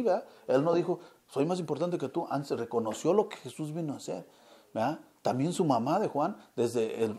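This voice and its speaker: A man's voice: on the high side, darkish tone. A man preaching informally to a small group, constantly checking in with "right?" and "you see?". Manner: conversational, keeps asking "¿verdad?" and "¿ven?". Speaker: lay preacher.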